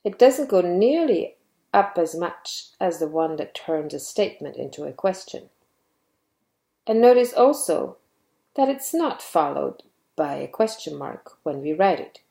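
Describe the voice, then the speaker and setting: A woman narrates an educational lesson in a clear, measured way, her voice lowish and mellow. Her intonation swings widely as she demonstrates example sentences. The recording carries a noticeable room echo. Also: big pitch swings. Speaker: linguistics explainer.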